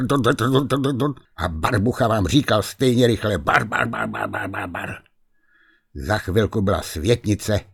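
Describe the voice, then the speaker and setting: A man reading a fairy tale aloud in a lively, expressive way. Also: lowish voice, breathy edge. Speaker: storyteller.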